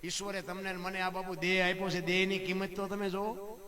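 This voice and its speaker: Male storyteller, high voice, live stage mic with a crowd behind him, preaching to listeners as "bapu". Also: level tone, a little fast. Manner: keeps addressing listeners as "bapu", asks rhetorical questions. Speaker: folk storyteller. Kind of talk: live folk tale telling with moral preaching. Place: stage before a seated audience. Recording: live audience crowd audible.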